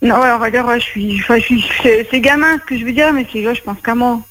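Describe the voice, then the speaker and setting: A woman's voice: fairly high pitch, steady tone, quick pace, fairly bright tone, poor audio. A woman calling in to a radio show, rambling and giggling, full of fillers. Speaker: caller. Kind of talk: casual chat on call-in radio.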